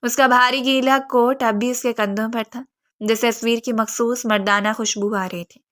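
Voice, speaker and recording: A woman reads a romance novel aloud in a steady, even voice. Her pitch is slightly high, and her delivery stays scripted and measured.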